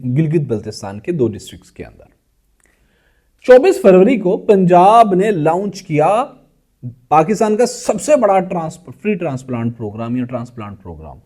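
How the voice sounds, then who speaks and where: A man's voice: fairly high pitch, warm tone. Man lecturing on exam prep. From Pakistan. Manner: explains with questions and answers to himself, addresses viewers as friends; frequent fillers and self-corrections. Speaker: current affairs teacher.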